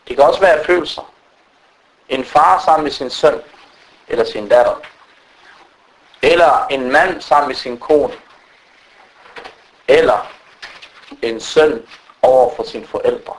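In a medium-pitched voice, an Islamic preacher gives an unscripted religious lecture, speaking directly to the gathered listeners and often using fillers and starting over. The recording is low quality.

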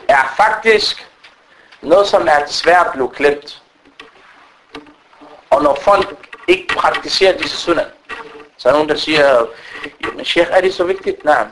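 A man's voice: on the high side, a bit bright, a little hiss or hum, poor audio. Man, preacher, unscripted religious talk, frequent fillers, speaks straight to the audience. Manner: unscripted, halting with fillers, addresses listeners directly. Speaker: Islamic preacher. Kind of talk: religious lecture to a gathering.

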